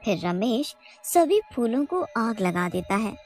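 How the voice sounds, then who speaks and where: A woman narrating a cartoon horror story in a measured, even storytelling voice. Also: fairly high pitch, faint music behind. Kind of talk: scripted narration.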